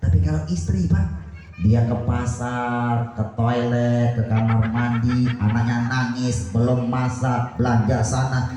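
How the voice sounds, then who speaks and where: A man with an Indonesian accent preaching a lively sermon with jokes, constantly questioning the audience and swinging between soft and loud. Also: mid-range voice, measured pace. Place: small prayer hall. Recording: very echoey prayer hall with music.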